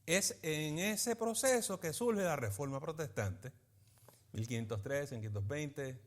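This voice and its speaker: Lively preacher man. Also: on the high side, measured pace. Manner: lively preaching, asks the listeners for agreement. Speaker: pastor teaching a Bible study. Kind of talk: Bible study teaching. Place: church meeting in a school building.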